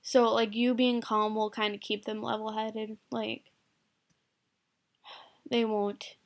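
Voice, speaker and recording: A woman's voice: a little high, level tone, takes it slowly. A woman giving loose, rambling advice to camera late at night, packed with "like" and casual swearing. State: sleepy, yawning late at night.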